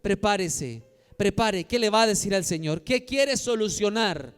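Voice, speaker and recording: High-voiced preaching man in a reverberant hall. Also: lively intonation, unhurried, clean tone, soft background music. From Colombia. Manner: storytelling, rising to emphatic exhortation. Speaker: pastor. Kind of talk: sermon.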